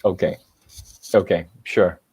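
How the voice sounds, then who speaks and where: Guy hamming up a fake sexy presentation, low husky voice. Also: steady tone, takes it slowly, a little mellow, no room sound. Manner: playfully seductive, mock-earnest delivery. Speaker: comedy presenter. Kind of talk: improvised mock presentation.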